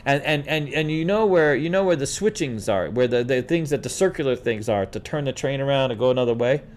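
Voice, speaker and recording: He's a middle-aged man from New York City, talking fairly quickly in a mid-range voice. As host of a casual livestream, he responds to viewer questions, drifts through animated, rambling tales, and calls everyone "dude" constantly.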